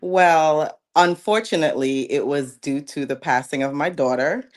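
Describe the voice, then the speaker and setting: Jamaican-raised woman guest, light Jamaican and New York accent, deep low voice, poised and articulate. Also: measured pace. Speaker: guest, model. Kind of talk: interview conversation.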